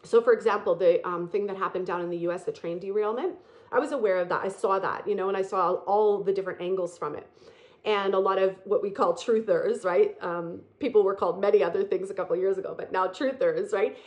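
Woman, spiritual speaker, earnest and emphatic, repetitive motivational delivery. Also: mid-range voice. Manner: earnest, repetitive, emphatic and slow on key phrases.

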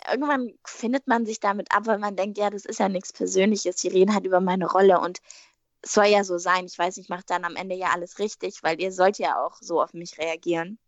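A woman actress chatting in an interview, telling animated anecdotes and acting out her own quotes, with frequent tag questions. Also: lowish voice, no echo, highs cut off. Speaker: actress on a TV series. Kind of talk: casual interview chat.

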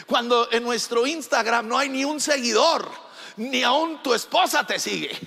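A man preaching a sermon, emphatic and sometimes shouting, asking the congregation questions. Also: very high-pitched, measured pace, vocal fry, in a large hall. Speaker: pastor.

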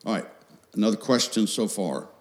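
A man's voice: on the low side, animated, moderate pace. Folksy middle-aged man teaching parents. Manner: folksy, quotes scripture, checks in with the audience. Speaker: parenting seminar speaker.

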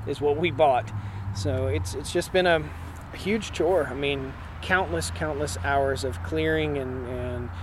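A farmer in his forties talks in a plainspoken, emphatic way, often restarting his sentences. His voice sits on the higher side for a man. Faint outdoor noise hums behind him. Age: 40s. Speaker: homesteading farmer and guest. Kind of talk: casual interview chat. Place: outdoors at a conference.

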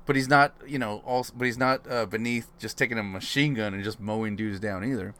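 A man co-hosting a casual movie chat, animated, cursing freely and acting out lines from the film. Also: lowish voice, fairly quick. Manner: animated, swearing, acts out quotes. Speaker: podcast co-host.

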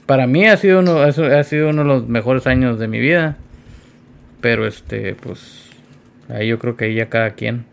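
A man in a casual podcast chat, easygoing and hesitant, pausing on fillers. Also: medium pitch, gravelly.

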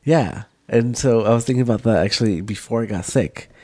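A man's voice: mid-range voice, brisk, a little mellow, dry recording, studio quality. A man co-hosting a podcast in casual chat, his voice nasal from being sick, easygoing with short replies. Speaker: podcast co-host.

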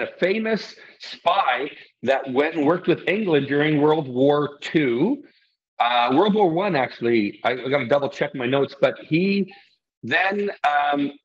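A husky middle-aged man from Iceland who owns a brewery talks earnestly in a relaxed interview, rambling and restarting his sentences. The sound is dull and a little lo-fi. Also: a little high. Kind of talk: casual interview talk.

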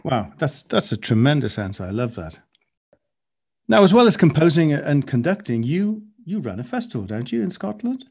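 A man's voice: a little high, very animated, normal speed, creaky, darkish tone, slightly rough. A man interviewing a guest, responding with enthusiastic, effusive praise. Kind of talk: podcast interview.

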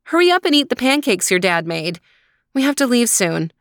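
Woman reading as a brisk, busy mom. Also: fairly high pitch, big pitch swings, fairly bright tone, no room sound, studio quality, pitched above the performer's own voice. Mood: hurrying. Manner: brisk, urging. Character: busy mother hurrying her kids along.

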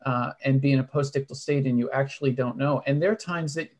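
A man's voice: medium pitch, fairly even intonation, fast talker, a little mellow. Man moderating a medical panel. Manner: explanatory, teaching tone. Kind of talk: online panel discussion.

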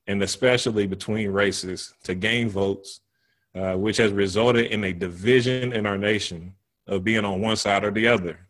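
A man with a lowish voice opens a church panel discussion. He speaks in an earnest, measured way as he introduces the topic and his guests. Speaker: panel host.

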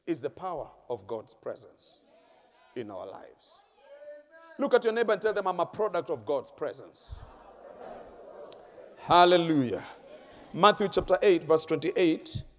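A man preaching a sermon in a church hall, emphatic and repetitive, with sudden loud peaks. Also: a little high, sing-song, measured pace, long pauses. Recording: long echoing church-hall reverb.

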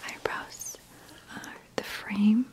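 A woman whispering softly in a slow, soothing, formal spa-attendant manner. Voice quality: soft whisper. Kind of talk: whispered ASMR-style spa role-play.

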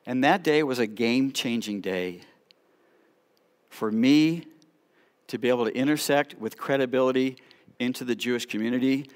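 A middle-aged rabbi speaking to his congregation, with a voice of ordinary middle pitch for a man. He tells his stories with animated delivery. He rises with emphasis, then drops into soft, quiet asides. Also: normal speed, long pauses. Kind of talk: storytelling talk to a congregation.

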